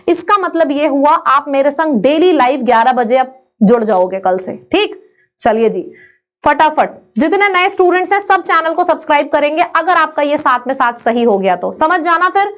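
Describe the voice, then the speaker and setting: High-voiced woman teaching grammar. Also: fairly bright tone, dull audio. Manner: drills students, asks and answers own questions. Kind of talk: online grammar lesson.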